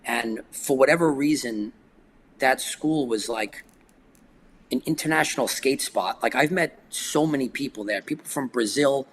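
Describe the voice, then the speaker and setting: A man's voice: medium pitch, measured pace, slight background noise. A man, chatting casually as a podcast guest and rambling with lots of fillers. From New York. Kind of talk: casual chat.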